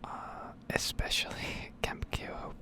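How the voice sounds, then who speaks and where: Unhurried and hesitant, a female ASMR gamer whispers loose, off-the-cuff commentary about the game. Her voice carries a breathy, creaky quality.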